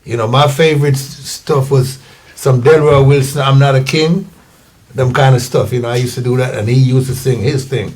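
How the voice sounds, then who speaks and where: Older Jamaican man, guest singer, laid-back and rambling, mid-pitched voice. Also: normal speed. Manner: relaxed, rambling storytelling. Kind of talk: casual interview.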